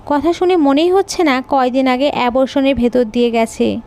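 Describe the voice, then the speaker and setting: A woman telling a scripted audio story in the first person, in a calm, measured way. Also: sits high.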